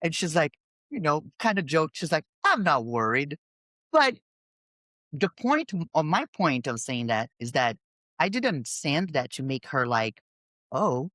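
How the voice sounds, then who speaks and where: A woman hosts a casual podcast chat in an emphatic, animated way, often breaking off and restarting her sentences. Her voice is recorded close and dry, with no room sound at all. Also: low-pitched, unhurried, dry recording. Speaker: podcast host and bodybuilding coach.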